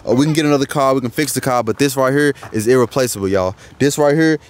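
A young man talking fast and straight to his viewers in a casual vlog, outdoors by a car. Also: mid-range voice. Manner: fast, talks straight to viewers, calls them y'all. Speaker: vlogger.

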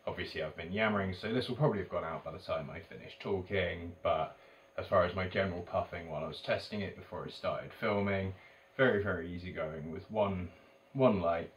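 A man's voice: low-pitched, muffled recording. A man in his thirties with an English accent, giving a chatty, casual product review to camera, hesitant and trailing off at phrase ends. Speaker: tobacco shop video reviewer. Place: indoors, in a shop corner by a banner. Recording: distant mic with faint background noise.

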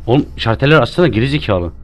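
A man streams a horror game, talking through it live at a middle pitch. He jokes, startles easily and curses at the game as he plays. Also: expressive, racing. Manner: jumpy, jokey, cursing at the game. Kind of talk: live gameplay commentary.

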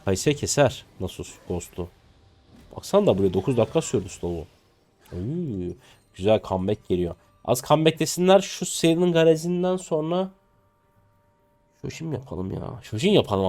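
A man in his twenties from Turkey narrates his own match live for viewers. His voice swings widely in pitch, from low mutters to sudden squeaky yelps. He talks in a loose, excitable, jokey way, with casual swearing. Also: brisk. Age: 20s. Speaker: streamer. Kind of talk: live gameplay commentary.

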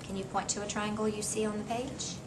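A middle-aged teacher reads aloud to a young kindergarten child in a small classroom reading corner, prompting with questions and encouragement. She has a medium-pitched voice, a level tone, and a slightly fast pace. The distant camera mic, a few meters away, captures a noisy room.

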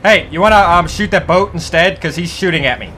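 A man hosting a gameplay video, talking casually with lots of jokes and swearing and the odd bit of pirate slang. His voice sits a touch high and swings freely in pitch. The tone is bright and forward. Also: expressive, brisk, slight background noise. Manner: joking, profane, slips into pirate talk. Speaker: gaming video host.

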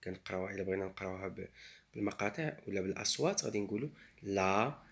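A man teaching French reading, sounding out words slowly with pauses and explaining in Arabic. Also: sits low, lively intonation, creaky, breathy edge. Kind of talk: slow syllable-by-syllable reading lesson.

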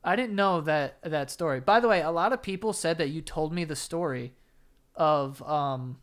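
Young man tossing quick crude quips. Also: a little high. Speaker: podcast co-host. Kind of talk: casual crude banter. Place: small studio set with desk. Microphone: desk-mounted podcast mic, headphones.

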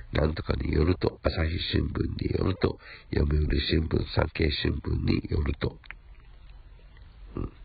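A man's voice: a bass voice, gravelly, slightly rough, muffled recording. A man with a Japanese accent teaching an English vocabulary lesson, repeating words and spelling them out letter by letter.

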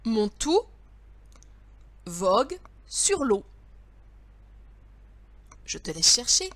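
A French woman teacher talks slowly and patiently, as if to small children. Her pitch moves a lot, rising and falling in a sing-song way, and she draws out syllables with care. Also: very animated, fairly bright tone. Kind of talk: slow, clear lesson for young children.

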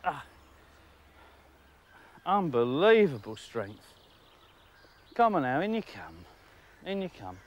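A middle-aged man giving outdoor fishing commentary from a lakeside jetty, excitable, laughing often and talking to the fish. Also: fairly high pitch, takes it slowly, long pauses. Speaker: angling presenter.

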